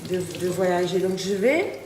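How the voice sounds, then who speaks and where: A woman's voice: lowish voice, expressive, a little slow, crowd noise. Woman host, tired, chatty and teasing, casual live-stream talk. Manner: chatty, teasing, scolds workers. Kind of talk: casual live-stream chat reading viewer comments. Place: her villa under construction.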